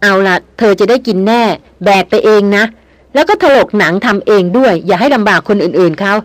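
A woman reading the lines of a sharp-tongued young woman anthropologist, proud and scolding. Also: medium pitch, expressive, brisk, no room sound, natural voice. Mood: tart. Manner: tart and scolding.

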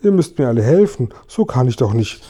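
A man voicing a fussy, vain male centipede in a storybook reading, talking in a hurried complaining way. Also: mid-range voice, sing-song, warm tone, breathy edge.

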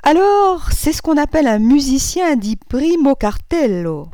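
A woman's voice: medium pitch, lively intonation, a little slow, a little mellow, smooth, no echo, natural voice. A woman voicing a pompous, awkward middle-aged male doctor, raising her voice to deliver his lines emphatically. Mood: emphatic.

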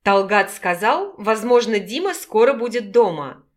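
A woman reading the lines of a lively young woman, a friend and aunt, who talks briskly and teasingly, in an audiobook. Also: medium pitch.

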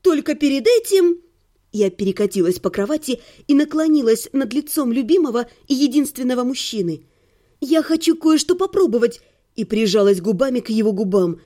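A woman's voice: sits high, mellow. A woman reading a humorous first-person audiobook at home, with a playful, ironic delivery and theatrical exclamations. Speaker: audiobook reader. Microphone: home recording.

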